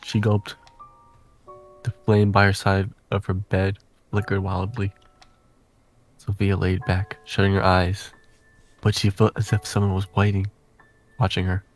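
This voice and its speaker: Faint music plays behind a man with a fairly low, monotone voice as he reads a visual novel aloud. He phrases things deliberately and suspensefully, like a dramatic storyteller.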